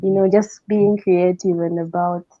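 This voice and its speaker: A woman from Zambia, a water engineer, speaking as a guest in a casual online interview, relaxed and friendly. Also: fairly low pitch, measured pace. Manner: relaxed and friendly, with easy fillers. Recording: dull lo-fi video call audio.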